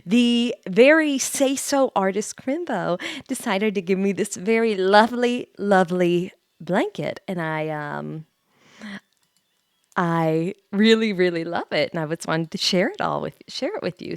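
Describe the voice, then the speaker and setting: On her ASMR livestream, this VTuber host speaks at a medium pitch with lively intonation, mixing hushed chat with soft, breathy whispers. Her phrasing is halting and repetitive, and the close studio mic captures mouth sounds with no room sound at all.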